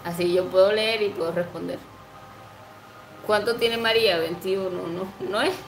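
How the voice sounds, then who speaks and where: A woman's voice: mid-range voice, steady tone, moderate pace, echoey room, a little hiss or hum, poor audio. A woman in her twenties chatting casually on a livestream, reading comments aloud, giggling often and cooing baby talk to her pet. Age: 20s. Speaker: livestream host.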